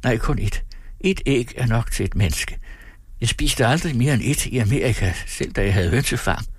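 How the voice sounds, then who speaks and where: A man's voice: mid-range voice, expressive, breathy edge, no room sound, studio quality, pitched above the performer's own voice. A man voicing a sour, stingy, hard-of-hearing old aunt with a prim manner.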